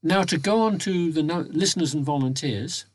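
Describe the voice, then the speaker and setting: A man's voice: on the high side, normal speed, no echo. Man reading a report, very dry sound. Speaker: volunteer reporting to members of a local talking newspaper. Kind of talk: prepared spoken annual report, read aloud. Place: home recording inside a wardrobe, close and muffled by soft surroundings.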